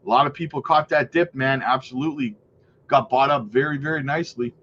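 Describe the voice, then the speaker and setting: Steady in tone and a little fast, this mid-range, slightly bright male voice comes from a crypto livestream host with a stuffy cold. He upbeatly reviews price charts and shouts out chat, often tagging on "right?" and "man," over lo-fi audio with a little hiss or hum.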